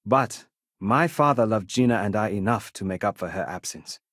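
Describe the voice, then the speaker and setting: An actor playing a courteous, kindly young male trader and crewmate in a space video game, speaking in polite, measured, formal phrases. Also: fairly low pitch, animated, fairly bright tone, dry recording, studio quality. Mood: courteous, earnest. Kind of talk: video game dialogue acting.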